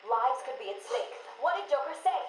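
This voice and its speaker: Clinical asylum psychiatrist, cassette tape playback, echoey room, faint hiss. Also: female voice, sits high, animated, a little fast. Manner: composed, clinical, turning alarmed under provocation. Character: composed female asylum psychiatrist. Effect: played back from an interview cassette tape.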